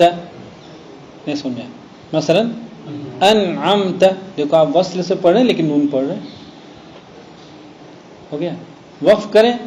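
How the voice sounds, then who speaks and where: A man's voice: on the high side, warm tone. Man teaching recitation, stretched examples. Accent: Gujarat Urdu. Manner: explains slowly, stretches example words, checks understanding. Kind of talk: classroom lesson. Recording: dull lo-fi classroom recording with faint noise.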